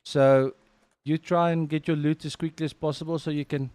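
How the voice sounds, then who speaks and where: A man's voice: fairly high pitch, little pitch movement, moderate pace, a little mellow, clear, resonant tone. A man with a South African accent commentating casually on a live game stream in informal, slangy language. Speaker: livestream host and game commentator.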